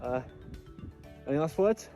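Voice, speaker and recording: A man's voice: fairly high pitch, animated, unhurried. A young man, talking casually as a travel vlogger while walking outdoors through a field. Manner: chatty, loose, full of fillers. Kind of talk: casual outdoor vlog chat. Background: background music.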